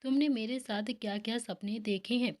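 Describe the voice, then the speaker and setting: A woman's voice: on the high side, steady tone, normal speed, natural voice. Woman reading as a stern young husband. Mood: firm. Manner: commanding then tender.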